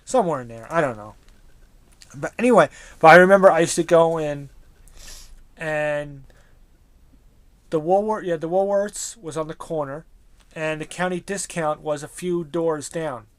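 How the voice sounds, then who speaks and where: A man's voice: on the high side, normal speed, long pauses, no echo. A man in his thirties, a toy collector, reminiscing casually in a rambling way with many restarts.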